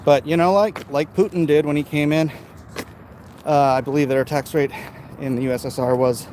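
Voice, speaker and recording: An American vlogger goes live from his backyard, answering viewer comments in an offhand, opinionated, emphatic style as traffic and city noise fill the background. His voice is slightly high and a little mellow, steady in tone, at a normal speed.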